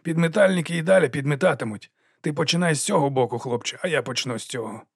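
A man voicing an ancient, wily monk sweeper who teases and chides in a raised, lively voice. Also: fairly high pitch, quick pace, gravelly, husky, dry recording, clean studio sound, pitched above the performer's own voice. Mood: sly teasing. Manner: teasing, chiding, lively.

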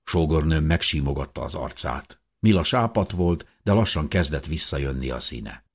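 Deep, husky male audiobook narrator. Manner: expressive storytelling. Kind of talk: scripted first-person narration.

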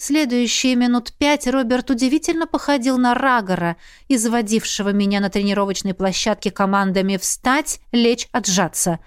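A woman narrating an audiobook in the first person with even, expressive storytelling. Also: fairly high pitch, brisk, hardly any pauses, clean tone, no room sound, clean studio sound.

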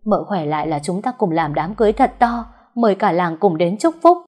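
A woman's voice: medium pitch, lively intonation, fairly quick, close to an everyday voice. A woman voicing a devoted young husband who pleads tearfully with his dying wife in a storybook reading. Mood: desperate. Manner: tearful pleading, soft murmuring at night.

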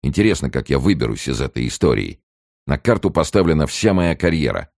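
A man's voice: rumbling low, sing-song, fairly quick, creaky, a little mellow, no room sound, clean studio sound, voice pushed up, exaggerated voice. A man reading an audiobook and voicing a selfish, cowardly young male student in a nervous, wheedling manner. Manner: anxious, wheedling, turning nasty.

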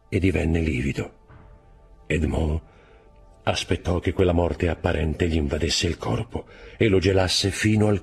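A man reading a classic novel aloud as an audiobook narrator, measured and expressive. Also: sits low. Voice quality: raspy. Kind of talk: dramatic literary reading.

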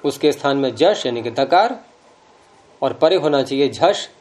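A man's voice: medium pitch, expressive, unhurried, darkish tone. A man with a Hindi accent teaching Sanskrit grammar to a class, patiently explaining and repeating word forms aloud.

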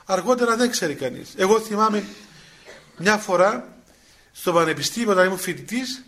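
A man's voice: high voice, lively intonation, fairly bright tone. An older man with a Cypriot Greek accent, a priest giving a spiritual talk and telling a personal story in a chatty, colloquial way with small chuckles. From Cyprus.

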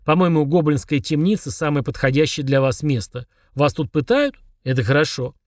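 A man's voice: fairly high pitch, expressive, a little fast, no room sound, studio quality, close to an everyday voice. A man voicing a grumpy sarcastic demon. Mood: grumbling. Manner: grumbling, sneering, snapping. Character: grumpy sarcastic male demon, small and spiteful.

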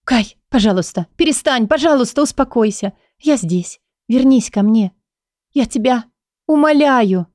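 A woman's voice: animated, a little slow, darkish tone, no echo, clean studio sound. Woman voicing a tearful young woman in love. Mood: pleading. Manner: high, pleading and emotional.

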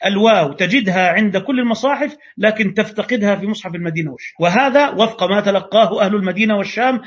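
Egyptian male lecturer, high husky voice, rapid delivery, dull call-quality audio. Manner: animated, mixes classical and colloquial Arabic, role-plays debates. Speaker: Quran recitation teacher. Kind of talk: online lecture. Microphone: video call.

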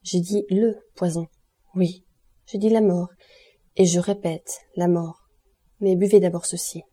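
A grave, mysterious count, read by a woman speaks low and insistently in an audiobook. The tone is very dark and mellow, a little husky, and softly restrained. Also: fairly even intonation, a little slow. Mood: grave hushed. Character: mysterious male count, calm, grave protector. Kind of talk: audiobook character reading.

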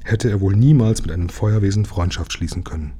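A man reading aloud, voicing a friendly, proud young mermaid princess in a gentle, earnest way. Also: low voice, a little fast, husky.

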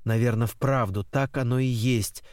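A man reading aloud voices a stubborn young man, speaking low, quiet and insistent. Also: steady tone, moderate pace, smooth, no room sound, studio quality, lightly acted. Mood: musing.

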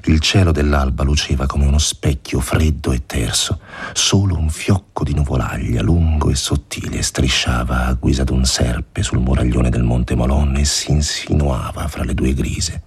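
A man reading a literary story aloud in a measured, deliberate narration. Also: a bass voice, steady tone, breathy edge.

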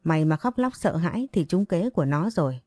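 Woman reading as a blunt young village woman, scolding and pushy, low dark voice, quick talk. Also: animated, dry recording, faint music behind. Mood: urging.

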